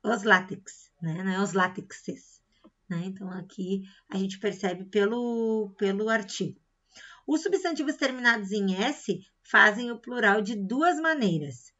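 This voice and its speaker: Brazilian woman teacher, bright voice, keeps saying "tá?" and "né?", kinda muffled lo-fi audio. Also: mid-range voice, animated, normal speed. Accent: Brazilian Portuguese. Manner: explanatory, checks in with frequent "tá?" and "né?". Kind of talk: recorded grammar lesson. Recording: slightly dull lo-fi sound.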